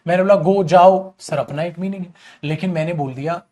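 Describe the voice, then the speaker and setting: A man with a high-pitched voice teaching English grammar in a Hindi accent. He poses questions to his students and answers them himself, calling them "beta" in a steady lecture rhythm. It sounds like a classroom lecture. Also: fairly quick.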